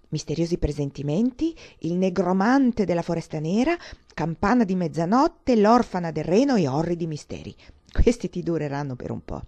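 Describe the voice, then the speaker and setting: A woman voicing a flattering, effusive young woman in a dramatized audiobook reading, talking in a confiding, theatrical way. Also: fairly low pitch.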